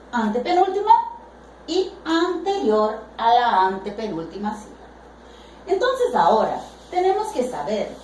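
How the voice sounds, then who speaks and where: Slow, lively high-voiced woman teaching. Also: a little hiss or hum. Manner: deliberate, drawn-out stresses on example words. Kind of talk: slow explanatory Spanish grammar lesson. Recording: echoey room, voice from a distance.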